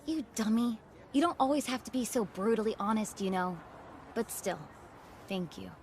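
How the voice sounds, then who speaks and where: Woman acting a vain, prickly, high-voiced anime girl. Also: animated, normal speed, a little mellow, a little hiss or hum, lightly acted. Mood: soft scolding. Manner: self-assured, teasing, brusque. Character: vain, prickly, secretly kind teenage girl. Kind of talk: anime English dub.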